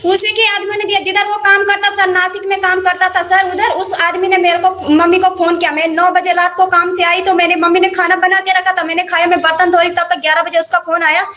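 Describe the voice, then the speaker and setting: A woman with a very high, piercing voice pours out her account at a rapid clip. She speaks in an urgent, pleading way and keeps calling the interviewer sir. It is an emotional interview, not a prepared speech. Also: little pitch movement, sharp tone, a little hiss or hum. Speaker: interviewee, wife of the man who ran off. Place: remote interview from far away.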